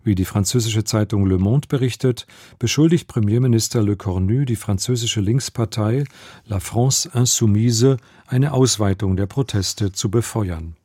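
A man reading the radio news in a measured, formal studio delivery. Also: fairly low pitch, dark tone, dry recording. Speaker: newsreader.

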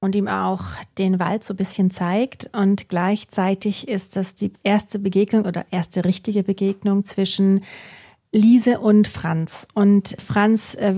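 A woman's voice: mid-range voice, dark tone. A woman from Baden-Württemberg, an author answering interview questions thoughtfully, musing aloud with rhetorical questions.

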